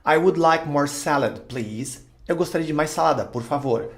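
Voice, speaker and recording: A man whose first language is Portuguese teaching an English grammar lesson, saying example sentences slowly and with stress, then translating them. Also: fairly high pitch.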